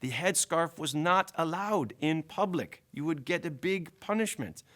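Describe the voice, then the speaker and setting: A man voicing a polite immigrant woman from Turkey, speaking halting, broken English in a soft, earnest way. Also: on the high side, lively intonation.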